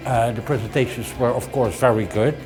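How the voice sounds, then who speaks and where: Medium-pitched man over background music. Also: steady tone, brisk, rough recording. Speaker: event attendee. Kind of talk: testimonial interview. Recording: music behind the voice.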